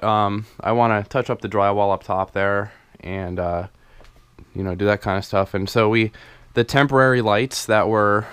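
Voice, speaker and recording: This DIY home renovation vlogger, a young man, talks his way through his unfinished basement in a loose, rambling walkthrough packed with ums and restarts. His voice sits on the low side and comes through clean, with no room sound, though it's captured on a handheld camera mic while he walks.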